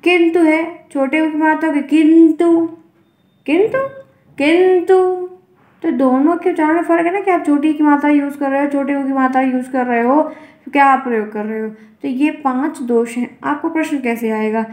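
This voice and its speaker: A woman's voice: high-pitched, fairly even intonation, a little fast, a little mellow, roomy sound. A woman teacher giving an online exam-prep lesson, explaining by repeating example words and quizzing her class.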